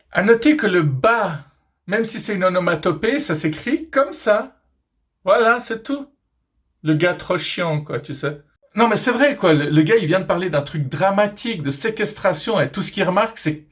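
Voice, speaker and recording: Guy cracking jokes over funny pics, bit high voice, teasing and chatty. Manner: playful, teasing, chatty asides. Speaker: comedy video host. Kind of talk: joking commentary on pictures.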